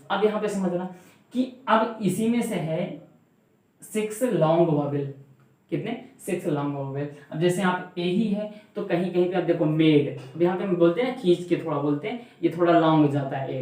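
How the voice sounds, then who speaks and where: A man's voice: high-pitched, a little mellow. A man teaching a class, repeating example words and asking the learners questions back. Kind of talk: classroom grammar lesson. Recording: very echoey room.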